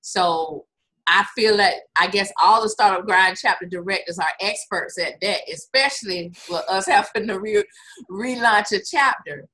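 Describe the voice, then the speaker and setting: A woman's voice: mid-range voice, normal speed, bright, forceful tone, rough recording. A woman hosting an online interview, talking enthusiastically and with emphasis. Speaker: host.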